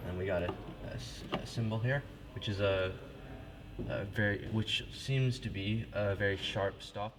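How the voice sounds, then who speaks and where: Speaking at normal speed in a steady, fairly low-pitched voice, a man demonstrates church organ stops from the console. The talk is casual, with many fillers and restarts, and pipe organ music plays loudly throughout.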